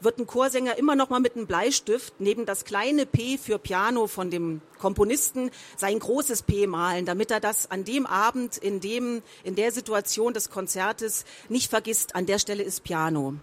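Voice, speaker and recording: A woman explains reading technique in a clear teaching tone. She breaks off now and then to demonstrate emphasis and pitch on sample sentences, speaking as an experienced professional speaker. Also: moderate pace, hardly any pauses. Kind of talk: spoken lesson with read example sentences.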